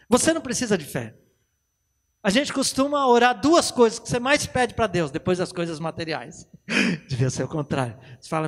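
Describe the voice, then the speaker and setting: A man's voice: sits high, big-room sound. A Brazilian man preaching a conversational sermon to a congregation, bantering with people by name and acting out little dialogues. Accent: Brazilian Portuguese. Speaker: pastor. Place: church hall.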